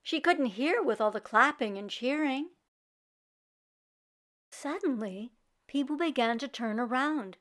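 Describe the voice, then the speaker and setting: Her voice sits high and sounds fairly bright as this woman gives an animated storybook reading for children. She speaks a little slowly with long pauses, clearly paced like a teacher, and poses questions to invite young listeners into the story.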